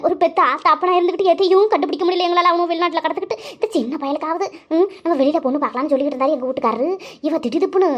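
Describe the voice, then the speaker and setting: Woman doing a nagging scheming cartoon auntie, high voice, rattles on quick. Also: dull audio, lightly acted. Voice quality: scolding, wheedling. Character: scheming middle-aged village aunt, grasping and jealous. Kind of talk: cartoon voice acting.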